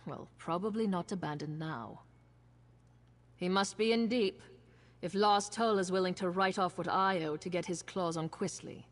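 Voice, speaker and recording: A woman's voice: fairly low pitch, normal speed, close to an everyday voice. An actress playing a wary, practical woman gambler in a video game, speaking in a dry, matter-of-fact way. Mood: guarded. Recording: long reverb, faint noise.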